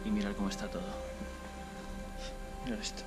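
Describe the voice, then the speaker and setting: A young man with a Spain Spanish accent, narrating as he carefully explores an abandoned building, often talking low and cautiously. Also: steady tone, a little fast, loud music behind the voice. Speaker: urban explorer vlogger. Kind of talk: casual vlog narration. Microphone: action camera.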